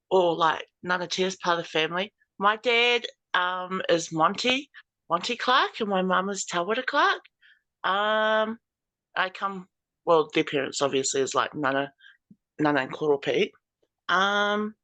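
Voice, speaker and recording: A woman's voice: mid-range voice, animated, moderate pace, bright, forceful tone, no room sound. A woman with a New Zealand accent casually introducing her family. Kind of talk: casual chat.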